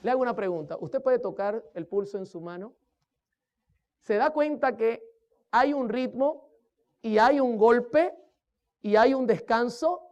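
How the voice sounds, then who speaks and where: A woman's voice: fairly high pitch, expressive, unhurried, long pauses, a little mellow. A woman giving a sermon-style lesson on rhythm and music, speaking emphatically, asking the listeners questions and counting beats aloud. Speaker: music teacher preaching.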